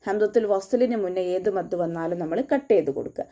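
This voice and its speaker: A woman teaching Quran recitation, going slowly line by line and explaining where to place the lips and tongue for each sound. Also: lowish voice, warm tone. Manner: patient and methodical, gives mouth and tongue placement cues. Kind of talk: tajweed lesson, slow line-by-line instruction.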